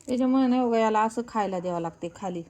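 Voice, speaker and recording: A woman's voice: fairly high pitch, rapid-fire, darkish tone. A woman talking to her pet at home in affectionate, coaxing baby talk, sometimes scolding it playfully. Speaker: pet owner.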